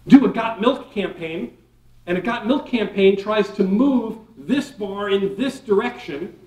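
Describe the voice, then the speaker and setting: A high-pitched man leads a workshop as the keynote speaker, energetic and quizzing his listeners. He sounds set back from the mic, and his voice rings around a roomy hall. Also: distant mic. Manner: energetic, asks the audience questions; playful, sarcastic asides. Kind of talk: live workshop presentation.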